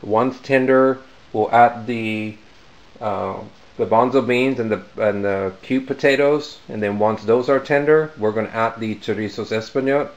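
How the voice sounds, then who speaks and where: A man hosting a casual home cooking demonstration, talking in unhurried short phrases with pauses. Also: fairly low pitch, highs cut off. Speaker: home cooking show host. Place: home kitchen. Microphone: handheld camera mic, off screen. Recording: clear background noise, sizzling pan.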